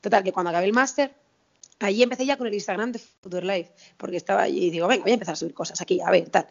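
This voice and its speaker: A woman's voice: mid-range voice, rapid-fire, vocal fry, lo-fi sound. A woman in her thirties from Spain, telling a story as an interview guest in a chatty way, with many restarts and quoted dialogue. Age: 30s. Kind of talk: casual interview chat.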